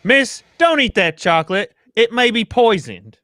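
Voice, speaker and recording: A man playing a gruff, impatient, suspicious father in an old-time radio drama, talking in a curt, blustery way. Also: very high voice, big pitch swings, a little slow, sharp tone, dry recording, clean studio sound, heavily acted. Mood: grudging, wary.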